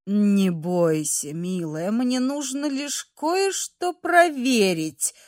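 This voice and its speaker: A woman doing a slow, gentle old dragon mage. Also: sits high, animated, no echo, studio quality, exaggerated voice. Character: kind elderly male dragon mage.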